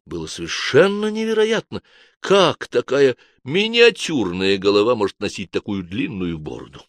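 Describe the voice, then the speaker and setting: Man, audiobook narrator, expressive reading, lowish voice, dry studio sound. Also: dry recording. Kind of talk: scripted narration.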